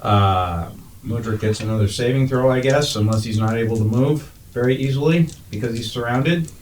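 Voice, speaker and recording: A man's voice: medium pitch, normal speed, darkish tone, echoey room, recorded from a distance, slight background noise. A man playing a tabletop game, chatting casually and making jokey asides about the rules. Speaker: player.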